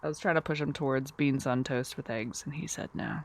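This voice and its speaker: Freshly awake from a nap, this woman streamer rambles and giggles sleepily while answering her chat in a casual live stream. She speaks a little fast, in a bass voice.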